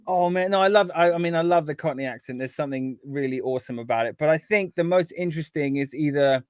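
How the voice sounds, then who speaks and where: A man's voice: fairly high pitch, quick pace, clean tone, no echo, studio quality. A man from England, a guest composer, chatting casually and rambling with lots of ums. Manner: relaxed, rambling, full of ums. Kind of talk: casual chat.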